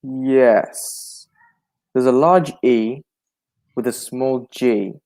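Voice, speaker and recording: A man playing a genial older gentleman doctor in a 1940s-style radio drama, speaking in a hospitable, old-fashioned storytelling manner. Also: mid-range voice, extremely slow. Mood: puzzled.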